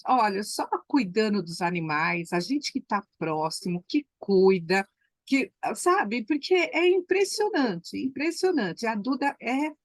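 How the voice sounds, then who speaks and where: A woman's voice: medium pitch, very animated, slow, no room sound. A woman, a class participant telling a story with feeling and repeating words for emphasis. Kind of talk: emotional storytelling on a call.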